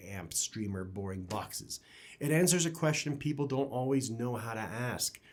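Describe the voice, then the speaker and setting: This audio gear reviewer runs a product review channel and speaks at medium pitch with a darkish tone. He comes across as conversational and opinionated, phrasing things emphatically.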